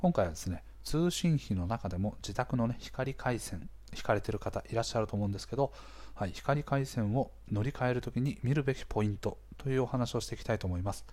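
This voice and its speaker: A man with a slightly hoarse voice hosts a casual explainer, talking conversationally to listeners and often checking in with small interjections. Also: mid-range voice, lively intonation, brisk, a little mellow. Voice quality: hoarse, gravelly-sounding voice. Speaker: podcast host.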